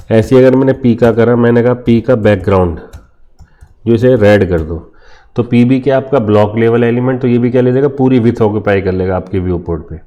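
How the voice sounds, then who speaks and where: Mellow-voiced man teaching a coding lesson. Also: fairly low pitch. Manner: explains step by step, asks and answers imagined student questions. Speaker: programming teacher. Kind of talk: screen-share coding tutorial.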